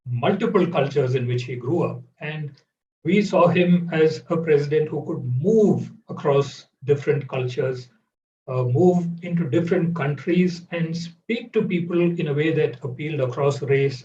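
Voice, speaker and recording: A man interviewing a guest in a measured, hesitant way with many fillers, heard over a video call. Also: fairly high pitch, warm tone, slight background noise. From India. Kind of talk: conversational interview. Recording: roomy, distant, dull audio.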